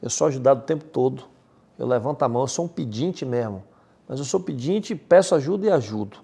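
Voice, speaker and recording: A man from Salvador, speaking as a podcast guest in an energetic, slangy, emphatic way. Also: mid-range voice, fast, vocal fry, slightly rough. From Salvador, Bahia, Brazil. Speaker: guest, M&A advisor. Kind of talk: casual podcast interview.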